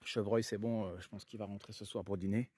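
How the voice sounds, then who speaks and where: A man with a French accent chatting casually to viewers in a relaxed way while walking his dogs outdoors. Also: fairly low pitch, fairly quick, breathy edge, no room sound. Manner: chatty, relaxed, lots of fillers, shouts to his dog. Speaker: vlogger. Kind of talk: casual vlog chat. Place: outdoors on a country walk, then at his camper.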